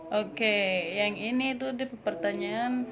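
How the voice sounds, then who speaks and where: Speaking slowly over music, this twenty-something woman has a mid-range voice and a Papuan Indonesian accent. She's a vlogger doing a casual Q&A, responding to viewers with blunt teasing and the odd English word dropped in.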